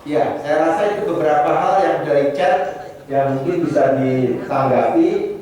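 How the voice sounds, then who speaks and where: A man's voice: a little high, normal speed, a little mellow. A man moderating a public consultation forum, reading out chat questions with many hesitant fillers. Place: meeting room, heard from a distance. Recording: distant echoey room mic with faint noise.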